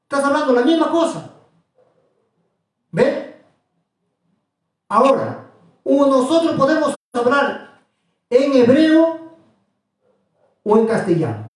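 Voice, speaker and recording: A man preaching to a small group, pressing his point with repeated questions. His voice sits high, and it rings around a very echoey room. The mic is some distance away. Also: big pitch swings, slow pace, long pauses. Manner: questioning, repetitive, insistent. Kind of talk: religious teaching to a small group.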